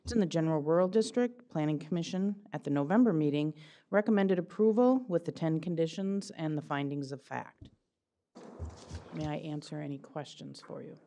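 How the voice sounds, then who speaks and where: A woman on the county planning staff presenting a case to a board in a brisk, matter-of-fact way. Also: deep voice, warm tone. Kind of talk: staff report at a public meeting.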